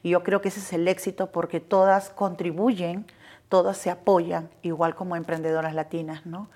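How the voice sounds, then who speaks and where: A woman's voice: fairly low pitch, flat delivery, normal speed, warm tone. A woman co-hosting a television talk show, asking questions in an affirming way. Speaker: co-host.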